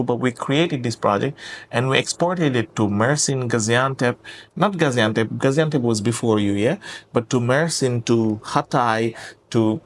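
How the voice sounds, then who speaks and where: Young man from Senegal, casual interview, mid-pitched voice, faint hiss behind. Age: 20s. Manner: warm praising, laughs often, repeats "yeah". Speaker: host and project founder.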